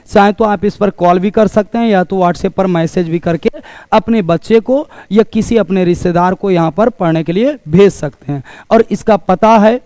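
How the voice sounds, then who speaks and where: A man giving a promotional pitch for coaching classes as a teacher, explaining things repetitively. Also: darkish tone, clean tone, no room sound. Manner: explanatory, repetitive, asks questions and answers them himself.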